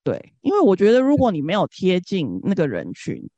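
Female interview guest, Singaporean accent. Reflective, casual delivery with animated pitch movement and a soft, dark tone. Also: fairly quick, no room sound, muffled recording. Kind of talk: conversational interview, reflective sharing.

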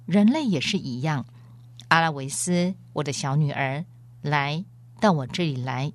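A woman voicing a great male lion who is wise, gentle and stern, speaking in a calm, measured, fatherly way. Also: low-pitched, no room sound.

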